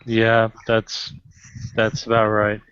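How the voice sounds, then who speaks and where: A man acting as game master, talking in a deliberate way and checking rules aloud. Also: lowish voice, completely flat delivery, a bit bright, smooth, dry recording, highs cut off. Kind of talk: narrating a tabletop game.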